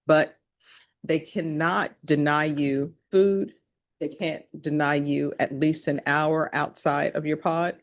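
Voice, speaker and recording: A woman judge with a fairly low voice presides in a courtroom. She rattles through formal legal questions and admonishments in a practiced, businesslike way. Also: fairly even intonation. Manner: formal, brisk legal recitation. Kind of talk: courtroom proceedings.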